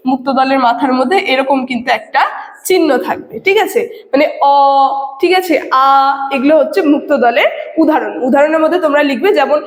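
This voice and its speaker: Woman teacher, high voice, explaining to students, rhetorical questions, roomy echo. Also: a little fast. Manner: repeats "ঠিক আছে" and asks rhetorical questions. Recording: echoey room with long reverb.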